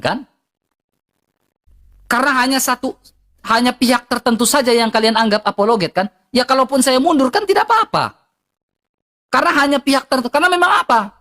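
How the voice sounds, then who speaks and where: Ranting bluntly and heatedly at her livestream audience, a woman repeats points for emphasis in an eastern Indonesian accent. Her voice is high and a bit bright.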